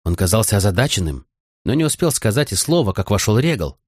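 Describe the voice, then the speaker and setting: A man reads an audiobook, voicing a young grieving queen who is earnest and direct, speaking urgently and confidingly with a worried mood. His voice is on the low side and husky, fast, with big pitch swings. The recording is studio quality with no room sound.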